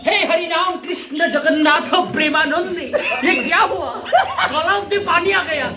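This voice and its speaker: A voice wailing drawn-out invocations and exclamations in a comic sound clip. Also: very high voice, steady tone. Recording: inserted clip with loud crowd noise.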